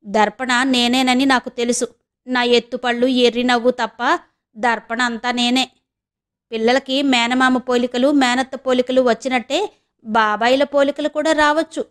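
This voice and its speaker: A sly, scheming old mother, voiced by a woman narrator in an audio novel. She drags out her words in a slow, insinuating drawl, her voice sitting fairly high. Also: steady tone, clear, resonant tone, close to an everyday voice. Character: scheming elderly village mother, sly and blunt.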